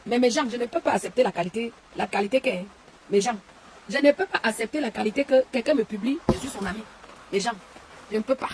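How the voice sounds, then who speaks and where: A woman's voice: a little high, fast talker, background noise. A woman, ranting and hurling insults in a live stream from her home, repeating herself often. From Cameroon. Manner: insulting, repetitive, heated. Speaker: online commentator. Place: home and garden.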